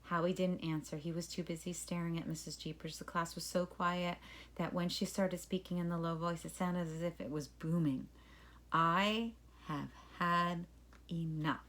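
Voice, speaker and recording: A woman teacher reading a children's chapter book aloud to her class. Her voice sits on the low side. She tells the story expressively and acts out the scenes. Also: level tone, normal speed.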